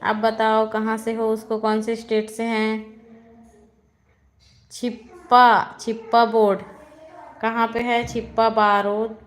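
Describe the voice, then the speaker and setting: A woman's voice: a little high, monotone, takes it slowly, long pauses. A woman from Chhattisgarh, hosting a casual live stream and greeting viewers by name. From Chhattisgarh, India. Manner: greets viewers by name and asks where they are from. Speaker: live-stream vlogger host.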